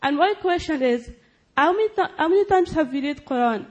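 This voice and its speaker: Speaking a little fast in a high, expressive voice with a darkish tone, a young woman from Afghanistan poses a question from the audience. English isn't her native language, and she asks politely and hesitantly.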